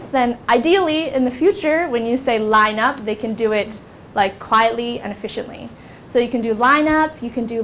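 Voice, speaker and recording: Lively young American woman teaching teachers. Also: a little hiss or hum. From United States. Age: young adult. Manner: lively, acts out classroom scenes in a high teacher voice. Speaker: workshop instructor. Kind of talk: teacher training workshop talk. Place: classroom.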